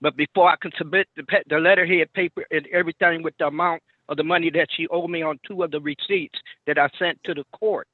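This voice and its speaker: A man testifying to a judge over a muffled phone line, speaking haltingly and repeating his words. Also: fairly high pitch, fairly even intonation, no echo. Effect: muffled, tinny phone line. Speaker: party in a court hearing. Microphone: telephone. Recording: dry narrow phone-line sound.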